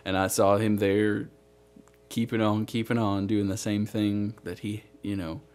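A man co-hosting a podcast in casual chat, telling stories and quoting others in an animated way. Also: on the low side, unhurried. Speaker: podcast co-host.

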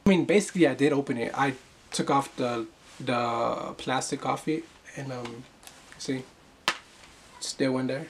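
A young man chatting casually to the camera in an excitable, rambling way. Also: mid-range voice, unhurried, long pauses, noisy background. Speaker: gaming YouTuber. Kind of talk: casual vlog chat.

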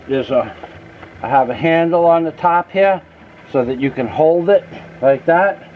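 A man patiently explaining a machine repair outdoors, step by step, recorded on a camera mic. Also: on the high side. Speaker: mechanic demonstrating a repair. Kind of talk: casual how-to instruction. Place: outdoors beside heavy machinery. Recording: phone-like, faint outdoor noise.

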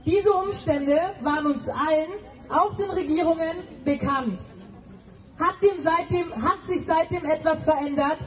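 A woman giving a prepared speech at an outdoor protest, delivering it in measured, read-out phrases. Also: sits high, far from the mic, poor audio. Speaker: protest speaker.

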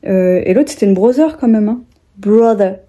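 Young woman vlogger, rambling casual chat, soft mellow tone. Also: mid-range voice, fast. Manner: rambling, chatty, many fillers and restarts.

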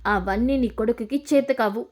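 A woman's voice: fairly high pitch, normal speed, close to an everyday voice. A woman voicing a ruthless young granddaughter who speaks in a cold, defiant way.

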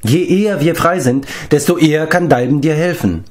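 A man's voice: fairly high pitch, normal speed, darkish tone, pitched above the performer's own voice, close to an everyday voice. A man voicing an earnest young male hero in an audiobook reading, pressing and pleading. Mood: urgent. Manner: urgent, pleading.

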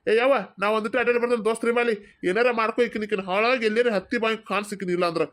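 A woman's voice: on the high side, fairly even intonation, close to an everyday voice. A woman with a Belagavi Kannada accent voicing a stubborn young husband who sides with his mother, in a cartoon comedy. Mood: dismissive. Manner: brusque, dismissive, rapid.

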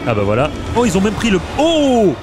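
A man's voice: high-pitched, very animated, rapid-fire, noisy background. A man giving casual, hesitant gameplay commentary with many filler sounds. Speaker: let's play gamer. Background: game music.

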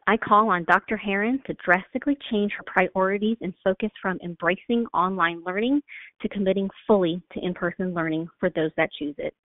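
A woman's voice: medium pitch, fairly quick, no room sound. A woman resident making an insistent, demanding public comment by phone. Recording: tinny phone line.

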